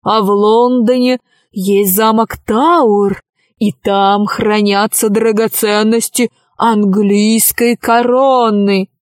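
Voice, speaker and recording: A woman reading the part of a scheming male vampire leader in a storybook, with a slow, coaxing delivery. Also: mid-range voice, fairly even intonation, no echo, studio quality, lightly acted.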